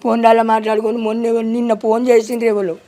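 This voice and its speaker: A woman's voice: fairly high pitch, monotone, quick pace, warm tone. A middle-aged woman with a Telangana Telugu accent, weeping as she tells a reporter about her loss, often crying out to God and to her son. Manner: lamenting, repeats cries to God and her son. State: weeping and wailing. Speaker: grieving mother interviewed. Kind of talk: emotional interview testimony.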